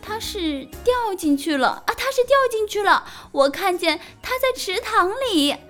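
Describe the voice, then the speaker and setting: Woman doing a squealing silly elephant; very high, jumpy. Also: very animated, a little slow, a bit bright, soft background music, exaggerated voice. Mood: excited. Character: excitable, silly elephant friend.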